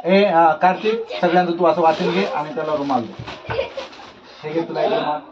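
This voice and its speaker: Brisk woman teacher in a noisy classroom. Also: low voice, fairly even intonation, a crowd in the background. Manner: brisk, commanding, keeps telling children to speak up. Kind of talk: classroom alphabet quiz. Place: classroom full of children. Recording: dull lo-fi recording in a noisy classroom. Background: children chattering.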